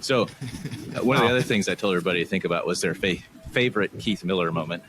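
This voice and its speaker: A man's voice: low-pitched, fast. A man hosting a casual podcast chat, easygoing and rambling, often laughing. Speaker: podcast host. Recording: noisy recording.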